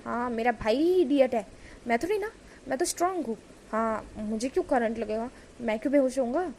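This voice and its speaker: A woman's voice: fairly high pitch, fairly quick, a little mellow, a little hiss or hum, lightly acted. A woman voicing a boastful young man who teases his brother and stammers when he is questioned. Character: cocky young man, teasing older brother.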